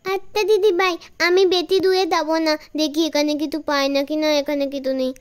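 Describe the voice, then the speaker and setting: Lady doing a tiny excited kid sister in a doll cartoon, super high and chirpy. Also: a little fast, lightly acted. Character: excited little girl, younger sister.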